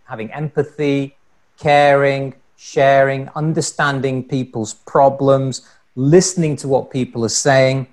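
A man's voice: medium pitch, flat delivery, measured pace, a little mellow. A man moderating an online panel discussion over a video call, chatty and repeating words as he starts sentences. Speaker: panel host.

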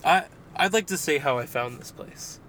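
A man's voice: a little high, lively intonation, normal speed, a bit bright, slight background noise. A man chatting casually about food, rambling and joking with many fillers.

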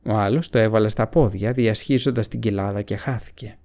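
Man narrating an audiobook, gravelly. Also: lowish voice, darkish tone.

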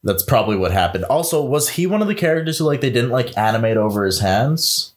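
A man's voice: medium pitch, sing-song, fast. A man reviewing a movie in casual chat, rambling with many fillers, swearing and laughing often.

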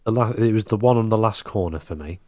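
Man, very low voice, blunt and laid-back, casual podcast co-host. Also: fast talker, mellow, no room sound, studio quality. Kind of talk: casual chat.

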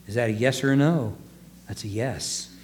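A man's voice: moderate pace, darkish tone. A man preaching a sermon, reading scripture aloud and talking it over with the congregation in a conversational way, often asking them questions. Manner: rises for emphasis, drops low for asides. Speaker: pastor.

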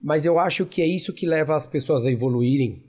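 Husky man chatting. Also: on the high side, brisk, a little mellow. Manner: conversational, laughs while acting out quotes. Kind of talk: casual chat.

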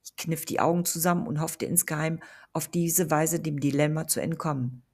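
A woman narrating a story in the first person with calm, steady storytelling. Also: low voice, normal speed. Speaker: audiobook narrator.

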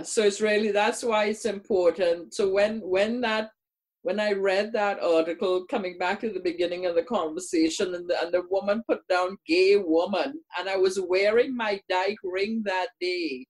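A woman's voice: mid-range voice, unhurried. An older woman from Trinidad and Tobago, a guest in casual conversation who speaks earnestly and repeats words for emphasis. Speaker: guest, community workshop presenter.

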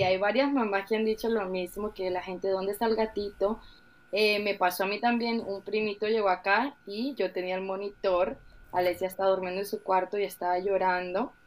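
Woman co-host, frank and emphatic, casual conversational delivery. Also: mid-range voice. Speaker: podcast co-host, mother.

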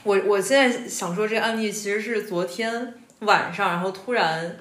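A woman podcast host in casual chat, telling stories in an animated way. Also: medium pitch, normal speed, echoey room. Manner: animated storytelling with laughs.

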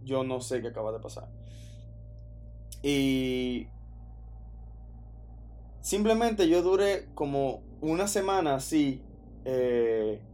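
Slangy Dominican man telling a story. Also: mid-range voice. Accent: Dominican Spanish. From Dominican Republic. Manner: animated and slangy, with frequent restarts. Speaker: podcast storyteller. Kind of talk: casual first-person storytelling.

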